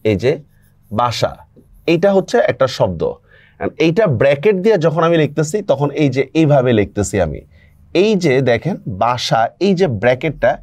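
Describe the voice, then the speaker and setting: Teacher explaining pronunciation rules. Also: male voice, medium pitch, a little mellow, no room sound, clean studio sound. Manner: explains step by step, checks understanding often. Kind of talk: grammar lesson.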